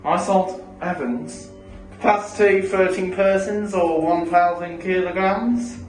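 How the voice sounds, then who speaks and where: A man's voice: high voice, unhurried. A man giving casual on-location commentary in short, observational remarks as a video host. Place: inside lifts and shops. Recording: echoey, distant camera mic, music behind.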